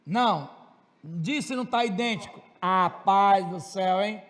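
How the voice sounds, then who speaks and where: A man with a Tocantins Brazilian accent gives a joking classroom lecture in a very high voice. He talks loud and fast and keeps throwing asides at his students. The sound carries a long classroom reverb. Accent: Brazilian Portuguese, Tocantins region. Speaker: teacher.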